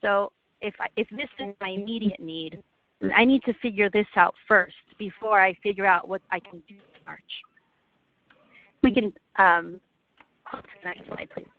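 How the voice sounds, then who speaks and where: A woman presenting slides in a webinar over a phone line, earnest and halting with frequent restarts. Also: mid-range voice, no room sound. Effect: heard over a phone line. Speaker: webinar presenter for a legal aid project. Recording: tinny, dry phone line.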